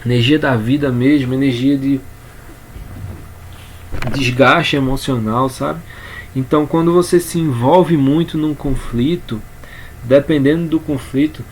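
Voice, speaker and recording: A man with a Brazilian Portuguese accent giving an informal spoken lesson on communication, unhurried and repeating words as he explains. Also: medium pitch, slight background noise. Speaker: communication coach.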